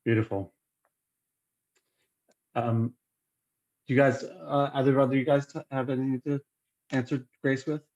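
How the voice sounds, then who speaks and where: A man's voice: mid-range voice, fairly even intonation, unhurried, long pauses, a little mellow. A man moderating a panel over a video call, reading out audience questions to the guests. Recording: dull lo-fi audio.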